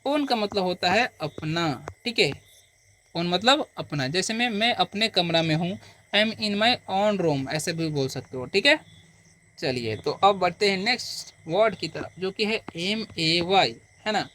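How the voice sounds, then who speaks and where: A man's voice: high-pitched, lively intonation, unhurried, pushed and bright, slight background noise. Patient man drilling a beginner lesson. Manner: drills by asking and answering own questions; patient, repetitive explaining. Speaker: English teacher.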